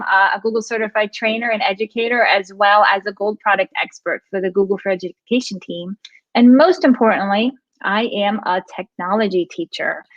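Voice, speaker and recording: A woman's voice: mid-range voice, fairly bright tone, no room sound, highs cut off. Upbeat woman hosting a live talk show. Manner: upbeat, enthusiastic. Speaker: host. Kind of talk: live show intro chat.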